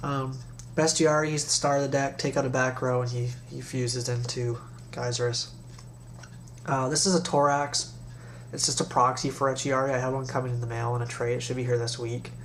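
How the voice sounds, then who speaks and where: A man's voice: medium pitch, little pitch movement, a little fast, fairly bright tone. A young man with a stuffy, nasal voice from recent nose surgery, chatting casually and in slang as he hosts a deck review. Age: young adult. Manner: slangy, informal. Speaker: card game video host. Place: small bedroom, indoors. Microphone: webcam or laptop mic at desk distance. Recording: noisy webcam recording with hum.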